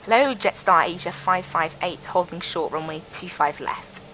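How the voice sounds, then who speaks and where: Her voice fairly low, bright and forceful at a moderate pace, a woman flies a simulated airliner on a live stream and chats into her pilot headset. She explains each step casually and keeps saying "I have to be honest," over a low-quality recording with a little hiss or hum.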